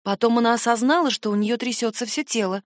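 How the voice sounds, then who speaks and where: A woman narrating an audiobook in an expressive storytelling manner, recorded close to a studio microphone. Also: on the high side, quick pace, no room sound.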